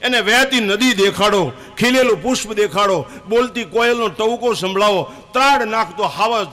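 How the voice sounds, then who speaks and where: An older man preaching a fiery sermon, emphatic and at times shouting. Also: high-pitched, moderate pace.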